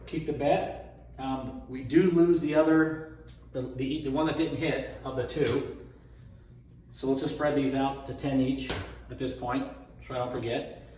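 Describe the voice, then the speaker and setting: His voice is medium in pitch, steady and a little mellow, moving at a measured pace with frequent pauses. He's a craps player walking through a betting strategy, acting as caller for rolls, bets and payouts and murmuring tallies while repeating numbers. Echo, a distant mic, faint noise and clicks mark the recording.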